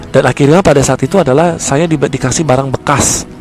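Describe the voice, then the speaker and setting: A man's voice: mid-range voice, a little fast, darkish tone. A man speaking, giving a motivational sales-coaching talk. He is emphatic and keeps asking rhetorical questions and answering them himself.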